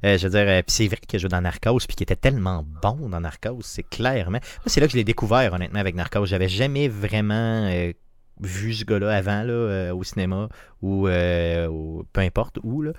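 A man with a Quebec French accent hosting a casual panel chat, relaxed and full of fillers, putting questions to the others. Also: low voice, brisk, no echo, clean studio sound. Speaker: podcast host.

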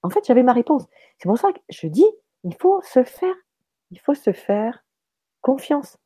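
A woman who trains mediums, telling a personal story in a casual, animated chat full of fillers and restarts. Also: high-pitched, unhurried, breathy edge, no echo. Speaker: medium teaching soul passage.

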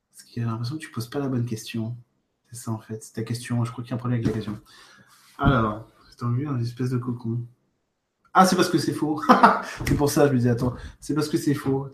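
Man, relaxed livestream coach; loose, direct, lots of fillers; roomy echoing home room. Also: mid-range voice. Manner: spontaneous, thinks aloud with many fillers and restarts; direct, addresses the viewer as tu. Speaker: spiritual coach answering viewer questions. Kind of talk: casual livestream Q&A. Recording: roomy echo.

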